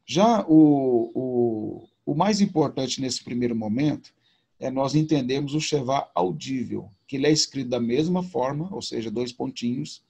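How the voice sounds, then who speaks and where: A man's voice: medium pitch, expressive, a little slow, gravelly, warm tone, husky. A man teaching a recorded video lesson, explaining patiently and informally with repetition. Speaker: Hebrew teacher.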